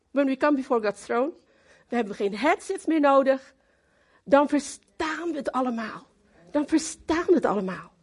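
A woman giving a lively, emphatic sermon who talks straight to the congregation and slips into English now and then. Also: sits high. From Moluccan community in the Netherlands. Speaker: preacher.

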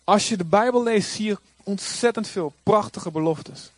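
A male pastor preaching a sermon with passion, rising now and then to loud cries. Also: high-pitched, moderate pace, no echo.

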